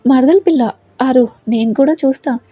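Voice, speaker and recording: A woman's voice: high voice, normal speed, mellow, no echo. Woman playing a teasing young husband. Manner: teasing, husky murmur.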